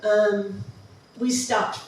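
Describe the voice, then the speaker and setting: A woman's voice: mid-range voice, steady tone, extremely slow, a little hiss or hum. A woman giving a casual, enthusiastic slideshow talk, with many ums and restarts. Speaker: presenter of a travel slideshow. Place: museum presentation room. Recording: far-off mic in a very echoey room.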